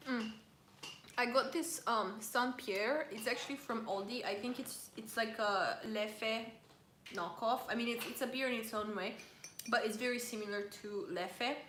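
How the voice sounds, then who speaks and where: A woman's voice: on the high side, moderate pace, fairly bright tone, reverberant, a little hiss or hum. A woman hosting a casual live stream, chatting and reading viewer comments aloud while she eats.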